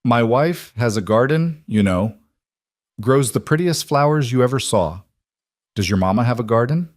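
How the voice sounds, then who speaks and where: A man voicing a huge, gentle man, exhausted but determined, talking steadily and softly. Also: mid-range voice, lively intonation, moderate pace, no room sound, studio quality, lightly acted.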